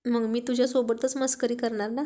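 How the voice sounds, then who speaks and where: A woman's voice: on the high side, level tone, moderate pace, warm tone, natural voice. A woman reading as a teasing young husband. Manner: playful, teasing.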